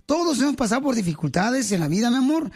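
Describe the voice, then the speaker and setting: A man hosting a lively radio talk show, animated and playful, calling his guest pet names. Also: very high voice, quick pace, slightly rough.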